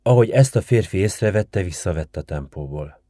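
A man narrating a story in a measured, vivid manner. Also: deep voice, lively intonation, warm tone, no room sound, clean studio sound. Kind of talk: scripted narration.

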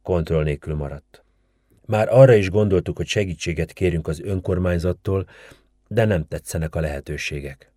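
Grave, pleading old village man, played by a male narrator, deep dark voice. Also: no echo, studio quality. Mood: worried. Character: worried elderly village man, earnest.

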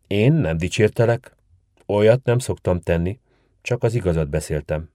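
A man's voice: low voice, expressive, warm tone, no echo, studio quality. Figure: man voicing an elderly village auntie. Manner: folksy, scolding. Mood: bossy. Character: chatty elderly village woman, fussy and sharp-tongued.

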